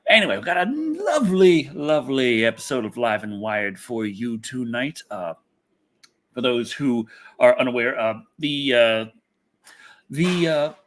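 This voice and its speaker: An internet personality hosts a casual livestream, chatting off the cuff with viewers in a medium-pitched, fairly bright voice. He rambles and often repeats his phrases while answering their questions.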